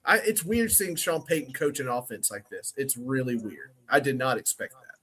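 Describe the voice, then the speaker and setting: A man co-hosting a casual sports talk show, loud and jokey, laughing often. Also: medium pitch, lively intonation, normal speed. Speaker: podcast co-host.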